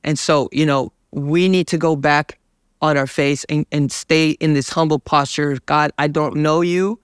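Casting: young male evangelist, slightly higher voice, smooth and resonant, fervent preacher cadence, dry studio. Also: steady tone, a little slow, dry recording. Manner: fervent, preacher-like, gestures while talking. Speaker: evangelist guest. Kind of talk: interview about faith. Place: dark studio set, seated.

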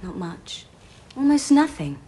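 A woman's voice: high-pitched, big pitch swings, slow pace, dark tone, a little hiss or hum, exaggerated voice. An actress playing a wry woman who was once in analysis, speaking drily and teasingly, often dropping to a near whisper. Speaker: woman recalling her analysis. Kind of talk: film dialogue.

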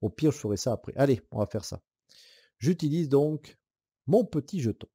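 A man with an animated, mid-range voice and a breathy edge talks at normal speed while playing a board game alone, explaining the rules, counting dice and weighing his moves casually. Hesitant fillers and gentle laughs run through his talk. It's a solo playthrough tutorial recorded in a clean, echo-free studio.

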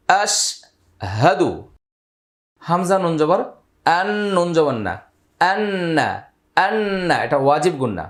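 A male teacher in a step-by-step recitation lesson, patiently naming each letter and vowel mark. He then chants the words in a slow, stretched, melodic way. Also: on the high side. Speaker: Quran teacher.

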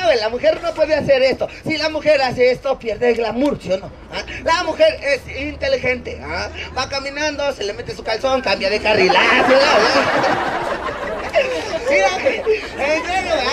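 A Mexican street comedian in a city plaza, his voice sitting very high for a man. He roasts the people around him with crude, slangy banter. A loud crowd fills the open air behind him. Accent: Mexican Spanish. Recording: loud crowd noise outdoors. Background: large crowd laughing.

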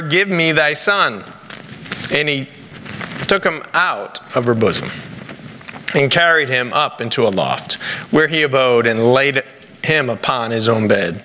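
Male pastor, Rhode Island accent, preaching with halting deliberate phrasing, bright forceful tone, slightly high voice, in an echoey church. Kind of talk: sermon with scripture reading. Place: large church sanctuary, at a pulpit. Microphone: lapel mic. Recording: echoey church hall with background noise.

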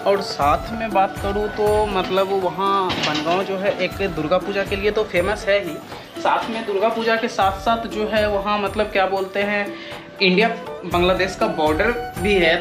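A man's voice: high voice, fairly even intonation, normal speed, music in the background. A young man from West Bengal, India, riding a motorbike outdoors and narrating a casual moto vlog in a chatty way, calling his viewers guys and brother. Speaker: motovlogger.

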